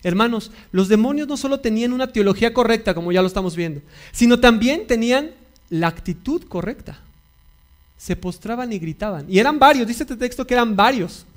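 A male pastor preaching a sermon, repeating key phrases and putting questions to his congregation. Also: high-pitched.

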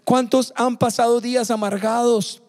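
A man preaches in a fairly high yet mellow voice, hammering his points home by repeating phrases. His sermon rings out with a long hall reverb around it. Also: level tone, moderate pace. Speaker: pastor.

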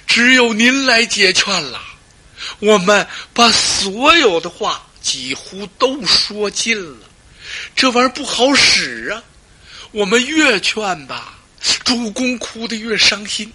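A man's voice: high-pitched, animated, takes it slowly, pushed and bright, slightly rough, pitched above the performer's own voice, full character voice. A man voicing a group of fretful male court officials who grumble and plead in exasperation.

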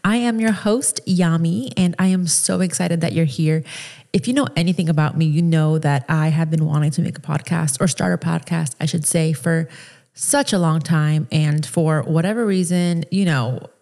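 A woman in her thirties, from the Dominican Republic, hosting her own podcast in a chatty, personal way, with fillers and quick self-corrections. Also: sits low, gravelly, mellow. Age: 30s. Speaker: podcast host. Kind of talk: casual solo podcast monologue.

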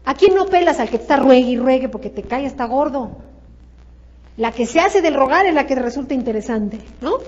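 A Mexican woman with a high voice runs a sales seminar, hammering her points home with repetition and rhetorical questions. The recording sounds dull and lo-fi. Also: expressive, a little fast, darkish tone. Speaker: sales trainer. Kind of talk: motivational seminar talk.

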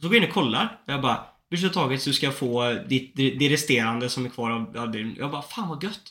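A man's voice: mid-range voice, fairly bright tone. A young man chatting casually, telling a story with lots of swearing and acted-out phone calls. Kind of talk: casual chat. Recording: roomy echo.

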